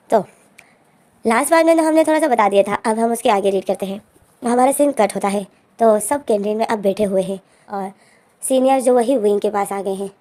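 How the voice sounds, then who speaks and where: A woman retells a fan fiction story in a chatty, conversational way, adding fillers as she goes. Her voice sits a little high and has a mellow tone.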